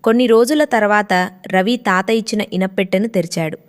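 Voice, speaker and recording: A woman narrating a moral story in an expressive, steady storytelling manner. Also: medium pitch, fairly quick.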